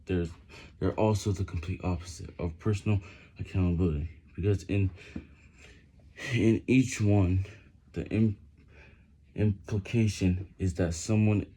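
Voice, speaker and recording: A man's voice: low-pitched, steady tone, normal speed, pauses often, warm tone, breathy edge. A man reading a book aloud while doing push-ups, stumbling over and repeating words under the physical effort. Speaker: vlogger reading on camera.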